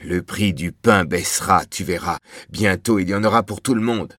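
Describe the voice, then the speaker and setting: A man doing Yakib, an excited hopeful dreamer. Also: low-pitched, normal speed, no room sound, studio quality. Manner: excited, voice cracking.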